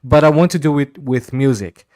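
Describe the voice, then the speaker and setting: A man's voice: on the high side, normal speed, darkish tone, no room sound. Brazilian accent guy hosting a chatty podcast, keeps going uh and laughing, pretty dry sound. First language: Portuguese. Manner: hesitant, many fillers, laughs often. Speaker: podcast host. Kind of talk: casual video-call interview.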